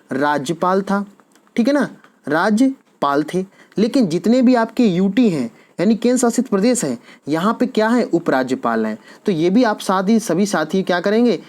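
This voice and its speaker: A man's voice: high voice, a little mellow. A man teaching an exam-prep lecture, posing quiz questions and answering them himself, repeating each key answer.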